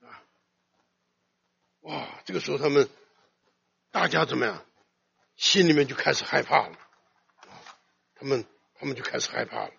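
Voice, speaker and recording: Man preaching, animated, loud then hushed, keeps asking the crowd questions, gravelly edge, muffled recording. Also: moderate pace, pauses often. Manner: animated, swings between loud emphasis and soft low asides, asks the audience questions. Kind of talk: expository sermon. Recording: dull lo-fi recording.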